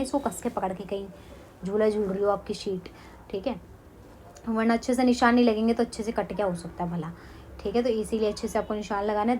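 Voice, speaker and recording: A woman's voice: medium pitch, a little mellow, slight background noise. A young woman hosting a craft tutorial at home, chatty and cautioning, saying "theek hai" again and again as she talks straight to viewers. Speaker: craft channel host.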